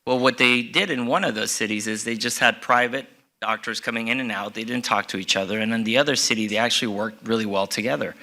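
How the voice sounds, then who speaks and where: A man's voice: mid-range voice, quick pace, bright, forceful tone. A middle-aged man from Rica, a surgeon giving an earnest conference talk with fillers and restarts. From Costa Rica. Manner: earnest, fillers and restarts, stresses key words. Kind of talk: conference presentation.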